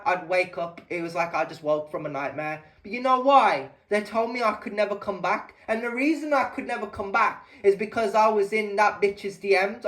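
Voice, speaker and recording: A man's voice: sits high, a bit bright. A man losing his voice, giving a heated vlog rant, emphatic and repetitive, swearing often. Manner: emphatic, repeats phrases, swears. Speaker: vlogger.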